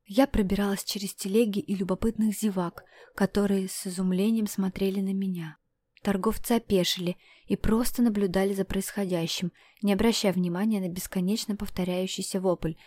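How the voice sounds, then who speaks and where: A woman narrating a first-person fantasy audiobook in a brisk, breathless storytelling manner with hushed asides. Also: medium pitch, steady tone, no echo. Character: heroine, a defiant young woman.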